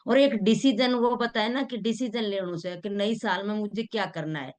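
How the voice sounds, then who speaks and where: A woman's voice: medium pitch, normal speed, a little mellow. A middle-aged woman giving an earnest, homespun motivational talk, slipping into local dialect. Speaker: motivational speaker.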